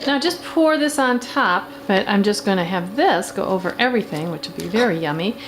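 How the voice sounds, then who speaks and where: A cooking show host, a middle-aged woman, talks fairly quickly with lively intonation in a mid-range, lightly acted voice. She plays a campy, glamorous housewife running a chatty demo with a drag-queen theatricality, recorded clearly in a home kitchen with background noise.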